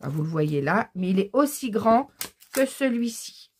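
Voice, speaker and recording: A woman's voice: medium pitch, expressive, a little slow, breathy edge. A woman chatting casually through a craft-supply haul, enthusiastic and full of hesitant fillers. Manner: enthusiastic about craft items. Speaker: scrapbooking vlogger. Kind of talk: casual haul chat, showing purchases.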